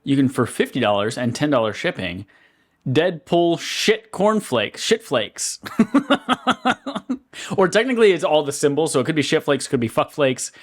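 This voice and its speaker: A man's voice: medium pitch, expressive, fast, few pauses. A man co-hosting a podcast in casual conversation, telling stories and swearing freely. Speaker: podcast co-host. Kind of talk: casual chat.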